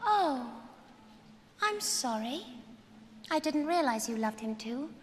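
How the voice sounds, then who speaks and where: A woman's voice: high-pitched, sing-song, slow, big-room sound, full character voice. A young British woman playing a sweet, naive, lovelorn Cinderella in a stage pantomime, earnest and wide-eyed. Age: young adult. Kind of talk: theatrical pantomime acting. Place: large theatre stage with audience. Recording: very noisy live theatre, audience noise.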